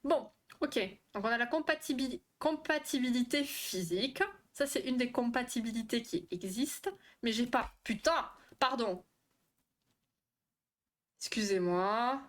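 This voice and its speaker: A young woman hosting a casual live stream, chatty and quick to swear, often tripping over her words while she answers the chat. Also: fairly high pitch. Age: young adult. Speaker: livestream host on relationships.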